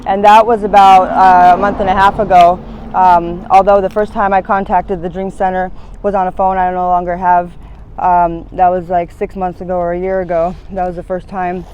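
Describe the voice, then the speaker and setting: Flat-voiced rambling woman in her thirties. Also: lowish voice, normal speed, dull audio, slight background noise. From United States, born in Latvia. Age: 30s. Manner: rambling, hesitant, many fillers. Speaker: interviewee. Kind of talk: street interview. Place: outdoors on a city street.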